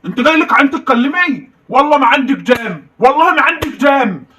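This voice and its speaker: Woman playing a hot-tempered hungry Egyptian husband, rapid-fire ranting, bright high voice, recorded from across the room. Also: animated, far from the mic. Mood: angry. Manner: ranting, shouting complaints. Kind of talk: comedy sketch.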